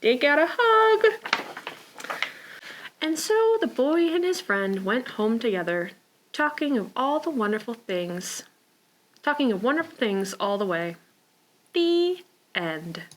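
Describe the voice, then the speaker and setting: A somewhat high-voiced woman, a children's librarian, reads picture books to preschoolers slowly, leaving long pauses. Her phrasing is simple and child-directed, expressive with sighs, gasps and exclamations. The recording is rough with slight background noise.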